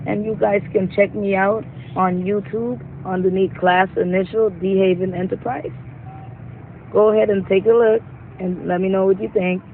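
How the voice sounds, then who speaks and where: A woman from Guyana gives a relaxed, breezy channel promo. Her voice comes through tinny and phone-like, and she keeps the tone easygoing. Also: medium pitch, normal speed, slight background noise. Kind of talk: short promo message.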